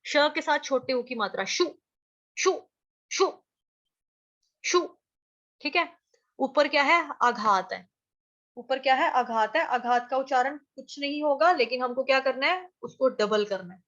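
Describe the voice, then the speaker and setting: A woman teaching how to chant Sanskrit verses, chanting each line slowly and then explaining the sounds syllable by syllable in a chatty, patient way. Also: sits high, a bit bright, dull audio. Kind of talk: online class teaching verse pronunciation.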